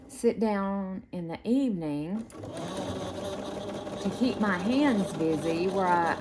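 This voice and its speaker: A middle-aged woman with a drawl talks folksily through a quilting project, her voice sitting a little low. A faint sewing machine hum runs behind her in a home sewing room. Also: darkish tone. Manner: chatty, folksy, talks while working. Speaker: quilting video host. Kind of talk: casual sewing tutorial.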